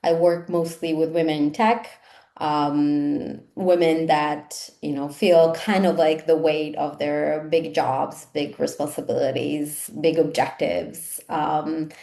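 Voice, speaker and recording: A woman's voice: low voice, flat delivery, takes it slowly, gravelly, mellow. A woman from Italy, a coach chatting casually as an interview guest and peppering her talk with "like". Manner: chatty, frequent "like" fillers. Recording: roomy echo.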